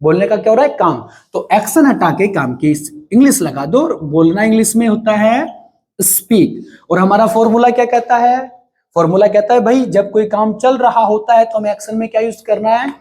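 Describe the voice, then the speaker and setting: A man's voice: high voice, normal speed, a little mellow. A man teaching an English grammar lesson in an informal way, often asking questions and answering them himself. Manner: informal, addresses viewers as brother.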